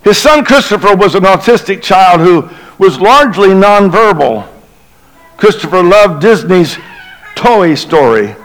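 A middle-aged man, a bishop, preaching a Christmas Eve sermon and telling a story dramatically, sinking to a hushed low voice at tense moments. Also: animated, a little slow, low-quality recording.

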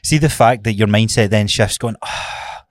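A man's voice: fairly low pitch, fairly quick, no echo, studio quality. A Scottish man co-hosting a fitness podcast as a coach, chatting casually in an informal, sweary, motivational way.

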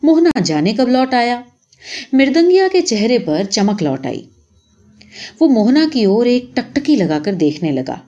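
Woman, storyteller, scripted narration, expressive, lively pitch, mellow tone. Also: muffled recording.

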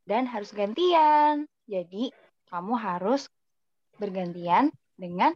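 A woman voicing a mother who gently scolds and coaxes her daughter, in a children's cartoon drama. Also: medium pitch, animated, slow, dry recording. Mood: coaxing. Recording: dull lo-fi dry recording.

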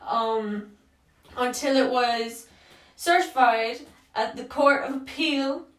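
A young woman with a slightly high voice chats casually on a podcast, rambling and joking through her notes and swearing freely. She sits a little away from the mic in an echoey room, so her voice sounds distant. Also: slow pace, fairly bright tone. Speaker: podcast host.

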